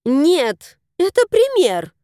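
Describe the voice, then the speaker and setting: A woman's voice: sits high, sing-song, unhurried, darkish tone, dry recording, studio quality, pitched above the performer's own voice. A woman voicing a sweet-talking, scheming young woman guest in a storybook reading. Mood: impatient. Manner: sweet, affected. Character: sly sugary young woman house guest.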